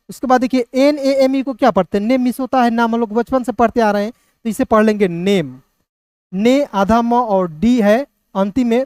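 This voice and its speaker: A man with a clear, smooth voice teaches English pronunciation step by step. He patiently repeats each question and answers it himself. The recording is close and dry, with no room sound. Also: high-pitched, darkish tone, dry recording. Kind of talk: online phonics lesson.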